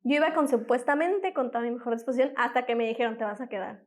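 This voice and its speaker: High-voiced young woman recounting her story. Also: fast. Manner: lively retelling that acts out quoted dialogue; frequent fillers and self-corrections. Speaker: former patient giving a testimony. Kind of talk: personal testimony in an interview.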